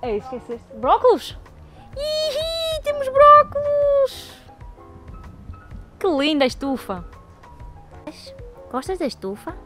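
A young woman with a European Portuguese accent, chatting excitedly in a casual vlog filmed on a handheld camera. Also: extremely high pitch, slow, long pauses, over music. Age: young adult. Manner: chatty, excitable, talks to her cat. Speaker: vlogger. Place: home kitchen and garden.

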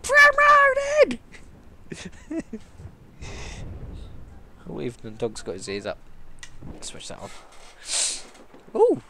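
A man's voice: lowish voice, wildly swooping pitch, a little slow, vocal fry, long pauses, background noise. A man chatting casually while playing a shooter game with friends. He teases and jokes, swears often, and talks into a headset. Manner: jokey, teasing, swears often. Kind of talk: casual gaming commentary.

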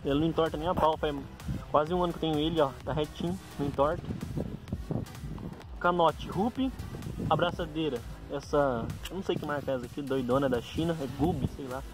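A man's voice: a little high, a little fast, over music, rough recording. A Brazilian man giving a casual, improvised vlog rundown of gear, informal and correcting himself as he goes, recorded outdoors on a handheld phone. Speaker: bike owner presenting a gear check. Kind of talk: casual vlog commentary, listing parts.

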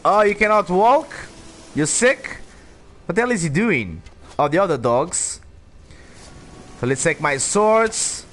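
Casting: playful male streamer, fairly high voice, lively intonation, casual gameplay chat. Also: takes it slowly, long pauses. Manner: playful, chatty. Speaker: game streamer. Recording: clear background game noise. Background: game ambience.

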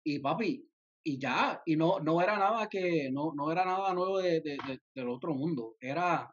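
Young male guest, slightly high and husky, dull lo-fi call audio, mixes in English phrases. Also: normal speed. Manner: mixes English phrases into Spanish, many restarts. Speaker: music producer guest. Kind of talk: casual interview over video call. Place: home room, indoors. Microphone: headset on a video call.

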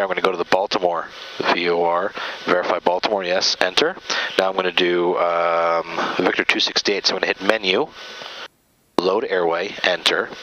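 A man's voice: sits low, bright, forceful tone, highs cut off, slight background noise. A man, a pilot, casually narrating each step for viewers from inside a small plane's cockpit. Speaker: pilot and vlog host.

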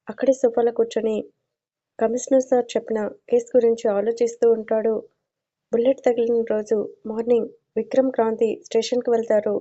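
Woman storyteller, fairly high pitch, very dark mellow tone, flat delivery, dull lo-fi recording. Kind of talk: audio story narration.

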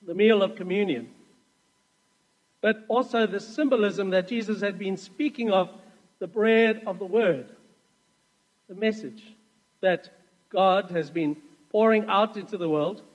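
Male pastor, high voice, chatty sermon storytelling with asides, long reverb of a church hall. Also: unhurried, long pauses.

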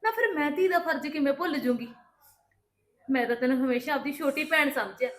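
Patient daughter-in-law played by a woman, Punjabi accent, high voice, calm and reassuring, echoey room. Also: a little fast, lightly acted. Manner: calm, reassuring, explaining at length. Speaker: daughter-in-law in a family drama. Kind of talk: scripted family drama acting.

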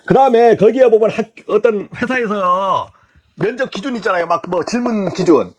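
Middle-aged man, blunt coarse lecturer, husky voice, a bit high. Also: expressive, normal speed. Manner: blunt and coarse, acts out interview exchanges. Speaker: lecturer on job interviews.

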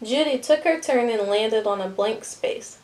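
Expressive woman reading a children's book. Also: fairly high pitch, measured pace, poor audio. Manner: expressive, lively narration. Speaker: storybook reader. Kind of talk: children's book read aloud.

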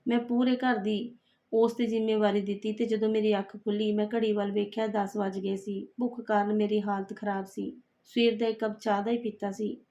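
Soft, flat-voiced woman storyteller. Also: mid-range voice, fairly quick, lo-fi sound. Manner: steady, even reading. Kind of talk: first-person story narration.

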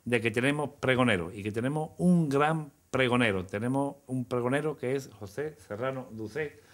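Measured older Andalusian man. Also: medium pitch, fairly bright tone. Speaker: mayor. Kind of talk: press conference statement. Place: indoor press room. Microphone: table microphone.

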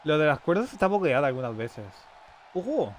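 A man giving casual, excitable live commentary on the game he is playing. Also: a little high. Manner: excitable, frequent quick exclamations. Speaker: streamer. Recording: noisy game sound underneath.

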